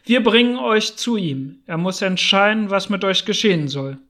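A man's voice: high voice, expressive, moderate pace, pushed and bright, full character voice. A man voicing a zealous, strict young male pilgrim who speaks in a fervent, preaching tone. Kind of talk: audiobook character voice.

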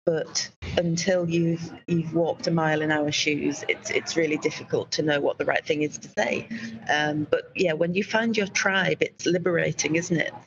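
A woman with a Yorkshire accent, chatting as a guest in an interview and telling stories in an upbeat, lively way. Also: low-pitched, normal speed, gravelly, background noise. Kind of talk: casual interview chat. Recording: dull lo-fi remote audio.

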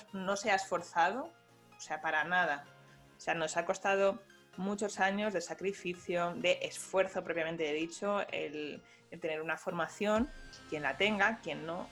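Emphatic low-voiced woman. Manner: animated, emphatic. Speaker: podcast co-host. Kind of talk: casual podcast chat.

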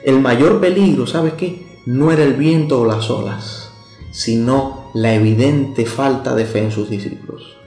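A man's voice: medium pitch, measured pace. A man preaching a short sermon in a conversational way, speaking straight to the listener and often asking them questions. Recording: echoey room with soft instrumental music.

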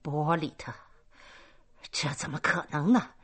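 A woman voicing a stern older farm mother who shouts and stutters with rage. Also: fairly low pitch, big pitch swings, normal speed, slightly rough, heavily acted. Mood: furious.

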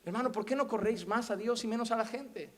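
A man with a Spain Spanish accent preaching a sermon as pastor, emphatic and animated, full of rhetorical questions. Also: extremely high pitch, quick pace.

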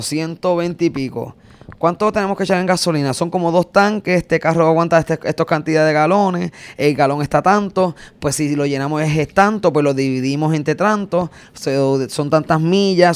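A man's voice: fairly high pitch, brisk, clear, resonant tone. A man, telling a road-trip story in casual chat and acting it out with sound effects. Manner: animated, acts out scenes with sound effects.

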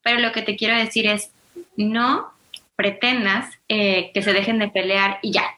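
A woman, a parenting expert talking casually in an interview and acting out quoted dialogue with lively shifts. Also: medium pitch, a little slow, echoey room. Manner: animated, acts out quoted dialogue.

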